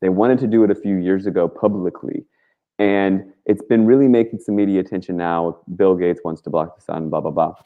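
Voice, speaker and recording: As a talk show guest, a man rambles casually and earnestly through his stories in informal slang, saying "like" a lot and swearing mildly. His deep voice is brisk, and the sound is phone quality.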